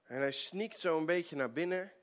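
A male preacher telling a story during a sermon in an earnest way, with stammering restarts, often dropping into a hushed tone. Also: a little high, normal speed.

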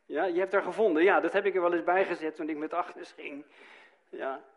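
Lively high-voiced man preaching. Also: brisk, highs cut off. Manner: lively preaching with asides and rhetorical questions. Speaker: pastor. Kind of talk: sermon.

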